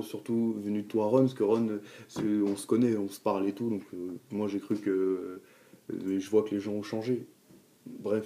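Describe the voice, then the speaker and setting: A man's voice: lowish voice, dark tone. An eighteen-year-old man vlogging casually, rambling with many restarts, fillers and aggrieved asides.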